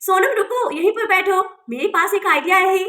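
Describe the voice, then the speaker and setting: A woman's voice: very high-pitched, moderate pace, bright, forceful tone, roomy sound. Woman voicing a coaxing motherly aunt doll. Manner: soothing, coaxing. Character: kind motherly aunt doll keeping peace.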